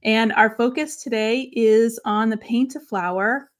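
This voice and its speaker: Her voice is fairly high with a fairly even intonation and an unhurried pace. She's a Boston-accented woman in her thirties hosting a crafting livestream indoors in her home craft room, greeting viewers by name in upbeat, casual conversation.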